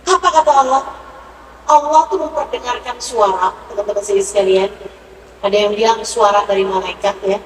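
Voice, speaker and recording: A woman's voice: medium pitch, fairly quick, a little hiss or hum. A woman preacher giving an intimate, emotional sermon in casual speech, now and then chanting Arabic verses. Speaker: religious teacher. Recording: echoey hall, voice from far off.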